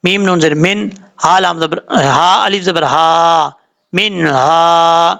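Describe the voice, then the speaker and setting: A man with a Pakistani Urdu accent teaching Quran recitation word by word. He spells out letters and vowel marks slowly, then explains the rules quickly. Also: on the high side, creaky, a bit bright.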